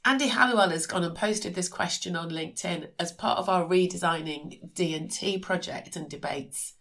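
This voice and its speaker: A middle-aged woman with a croaky voice from a cold, hosting a podcast in a measured, reflective monologue. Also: lowish voice, a bit bright. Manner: measured, reflective delivery with occasional restarts. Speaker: podcast host.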